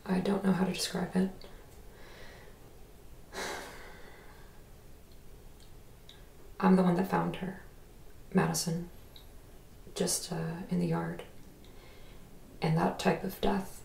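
A woman's voice: fairly low pitch, little pitch movement, unhurried, gravelly, pauses often, a little hiss or hum. A woman playing a hesitant, haunted young woman. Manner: hesitant, soft-spoken, reflective. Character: young woman haunted by a friend's death, thoughtful. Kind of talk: audio drama acting. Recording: roomy echo.

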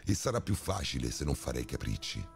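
A man's voice: extremely low pitch, big pitch swings, brisk, vocal fry, soft background music, full character voice. A man voicing a scarred male agent who speaks in a cold, threatening, commanding way in a horror story. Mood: menacing.

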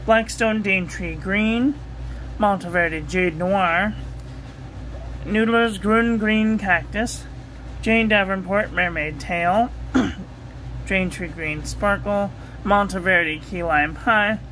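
A woman reviewing ink and paper at a home desk, talking through a steady, repetitive checklist and getting excited about the ink colors. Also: mid-range voice, takes it slowly, a little hiss or hum, poor audio. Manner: enthusiastic over ink colors. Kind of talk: casual product review voice-over.

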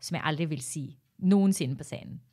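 A woman comedian talking as a podcast guest in casual chat, thoughtful and measured. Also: low voice, mellow, breathy edge.

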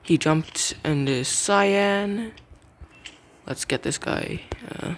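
A young man giving casual gameplay commentary, muttering to himself and repeating words rapidly in tense moments. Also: high-pitched. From English-speaking country with its own slang. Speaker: gamer. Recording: noisy home mic.

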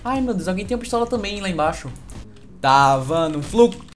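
Excitable Brazilian gaming youtuber. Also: male voice, sits high, brisk, faint music behind. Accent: Brazilian Portuguese. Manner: excitable, joking, shouts greetings to viewers. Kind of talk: let's play commentary.

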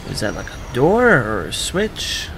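Casual gamer commentary, wry offhand man, mid-pitched, faint background hiss. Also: wildly swooping pitch, measured pace, gravelly. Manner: wry, offhand, muttering asides. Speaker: let's play gamer.

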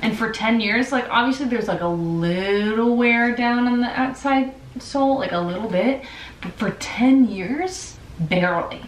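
A woman's voice: fairly high pitch, a little slow. A chatty, upbeat woman in her twenties talks casually in her bedroom. She sits back from the camera, so her voice sounds a little distant. The room adds echo, with a faint hiss behind. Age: 20s. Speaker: vlogger. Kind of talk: casual chat. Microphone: far camera. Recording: roomy, from a distance.

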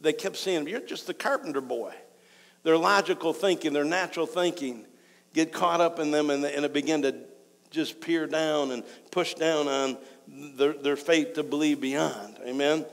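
A male pastor preaching a sermon, emphatic and rising to excited, raised delivery. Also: fairly high pitch, moderate pace, vocal fry. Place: church sanctuary. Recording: church hall reverb.

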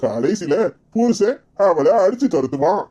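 A man's voice: sits high, very animated, moderate pace, dark tone, slightly rough, heavily acted. A man playing a scheming young village man, sly and boastful, in a Kanyakumari Tamil accent. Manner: sly, cocky, persuasive.

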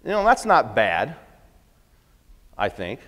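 A man's voice: mid-range voice, wildly swooping pitch, takes it slowly, a bit bright, dull audio. A man, a farmer, giving a folksy conference talk and asking the audience questions. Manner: folksy, asks the crowd questions. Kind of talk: storytelling lecture to an audience. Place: conference hall. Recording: long reverb of a large hall.

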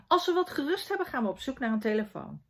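A woman's voice: high-pitched, very animated, fast, fairly bright tone, voice pushed up, exaggerated voice. A woman reading aloud and voicing a cheerful, encouraging father who talks to his children in an upbeat, coaxing way. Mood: cheerful, urging.

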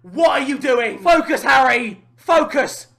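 A young British gaming video creator is playing a football game in a small, furnished bedroom, shouting an exasperated, sweary reaction and repeating himself as he rages. His very high voice has lively intonation, a slightly slow pace and vocal fry, with music playing behind him.

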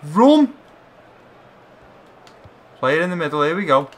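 A man giving excitable live commentary while playing a football video game, shouting encouragement at his players. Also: on the high side, a little slow. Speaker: gamer playing a football career mode.

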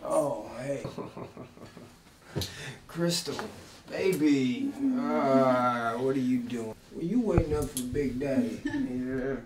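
A man playing a hot-tempered drunk husband who slurs and blusters, then flares up into shouting. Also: medium pitch, animated, slow, noisy background. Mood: drunk pleading. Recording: echoey room, distant mic.

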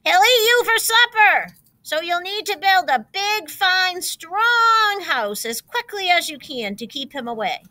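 A woman voicing a caring mother pig in a storybook, fussing and cautioning with gentle firmness. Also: sits high, expressive, very slow, voice pushed up, exaggerated voice.

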